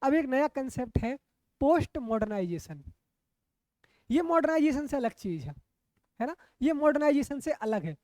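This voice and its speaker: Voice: high-pitched, big pitch swings, normal speed, long pauses, mellow, no room sound. A coaching teacher giving an exam-prep lecture, often asking the class rhetorical questions, checking that they follow and repeating key terms.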